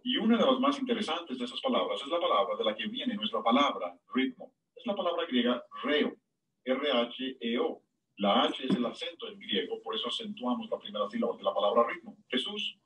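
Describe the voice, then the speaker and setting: A man preaches a sermon, his voice leaping up in pitch on the words he stresses. He sounds lively and expressive. He is set back from the mic, so the church room is heard around him. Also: far from the mic, rough recording. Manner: animated preaching with sudden high-pitched emphasis.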